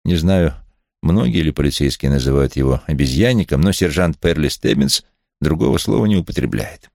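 A man's voice: extremely low pitch, expressive, brisk, vocal fry, a little mellow, no echo, clean studio sound. A man reading a detective novel aloud as a wry first-person narrator. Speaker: audiobook reader.

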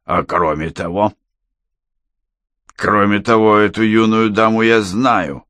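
A man voicing a thin, scruffy drunk man who talks with slow, slurred bluster in an audiobook. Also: fairly low pitch, fairly even intonation, fairly bright tone, no echo, pitched above the performer's own voice. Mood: indignant.

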